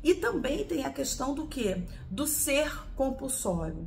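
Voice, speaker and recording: A woman's voice: high-pitched, very animated, unhurried, gravelly, a little hiss or hum. A woman from Brazil teaching a lesson, explaining step by step and answering her own questions. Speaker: law teacher.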